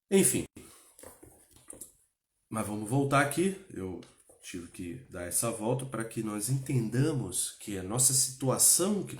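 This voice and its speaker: A man's voice: mid-range voice, roomy sound. Impassioned Brazilian man teaching religion. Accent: Brazilian Portuguese. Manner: impassioned, repetitive, frequent "né?" tags. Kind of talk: religious class talk.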